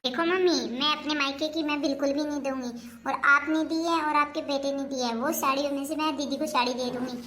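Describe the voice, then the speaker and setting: A woman's voice: sits high, steady tone, brisk, a bit bright. A woman playing a stubborn young daughter-in-law in a home-made comic family skit, insistently refusing to give up her things.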